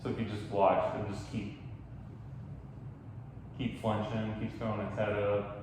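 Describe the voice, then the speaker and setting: Telling a hunting story on his podcast, a young man chats casually and rambles with plenty of fillers. He speaks unhurriedly in a lowish voice with little pitch movement, recorded in an echoey room with long reverb and faint noise.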